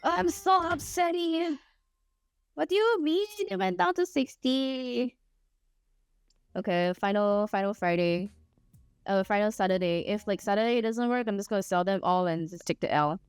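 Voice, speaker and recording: With a medium-pitched voice at a moderate pace, this young streamer from Singapore sounds clean, with no room sound. Her accent is mixed, partly Singaporean English, and she chats casually as she plays, rambling, laughing a lot and pleading playfully.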